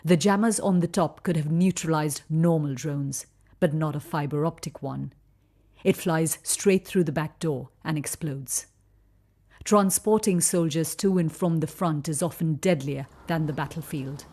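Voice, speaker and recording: A woman reporting as a war correspondent, narrating a scripted frontline news report in a grave, measured way. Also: deep voice, mellow.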